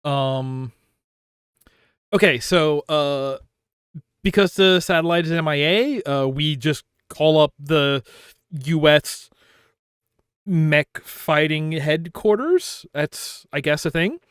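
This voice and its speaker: A chatty man with a fairly high voice, talking through an anime podcast episode and laughing easily between points. His delivery is loose and playful, and the recording is dry and close with no room sound. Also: takes it slowly, long pauses, fairly bright tone, smooth, no room sound. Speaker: podcast co-host leading the episode discussion. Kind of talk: casual anime podcast chat.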